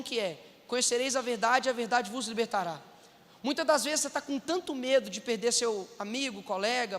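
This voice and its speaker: A man with a Brazilian accent preaching a sermon in an animated way, acting out the voices of people he quotes and calling his listeners brothers. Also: very high-pitched, in a large hall.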